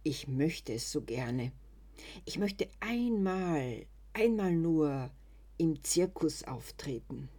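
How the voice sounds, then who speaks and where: Croaky old woman done by the reader, clingy and sneering, slow and mellow, storybook reading. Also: medium pitch, big pitch swings, full character voice. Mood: wistful. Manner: sighing, then sneering.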